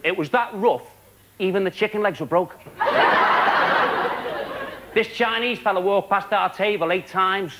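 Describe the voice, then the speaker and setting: Cheeky Scouse stand-up comic, high voice. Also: male voice, heavy background noise. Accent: Liverpool (Scouse). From Liverpool, England. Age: 30s. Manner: quick, cheeky patter with punchlines. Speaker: stand-up comedian. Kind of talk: stand-up routine. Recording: loud studio audience laughter.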